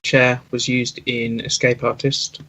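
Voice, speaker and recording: A man co-hosting a casual fan podcast, talking in a measured, matter-of-fact way. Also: medium pitch, flat delivery, bright, forceful tone, slight background noise. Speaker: podcast co-host. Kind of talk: casual chat. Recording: dull lo-fi mic.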